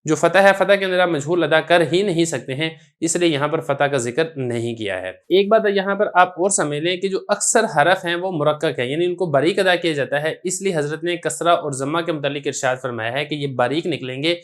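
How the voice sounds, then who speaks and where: A man's voice: on the high side, hardly any pauses, fairly bright tone. A man teaching a Quran recitation lesson, patiently repeating each point and demonstrating example words aloud. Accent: Pakistani Urdu. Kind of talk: tajweed lesson explaining a text.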